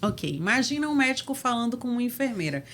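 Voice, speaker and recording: A woman's voice: on the high side, sing-song, quick pace, a bit bright, slight background noise. Assertive Brazilian woman mentor. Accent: Brazilian Portuguese. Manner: assertive, didactic, emphatic delivery. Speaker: guest, communication mentor. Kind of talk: interview, explaining with examples.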